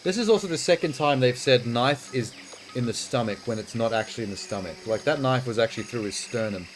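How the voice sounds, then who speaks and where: A man's voice: mid-range voice, expressive, quick pace, a little hiss or hum. A man hosting a video game playthrough, giving casual, blunt and exasperated commentary and reading game text aloud. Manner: reacts exasperatedly, blunt asides. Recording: music behind the voice. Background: game music.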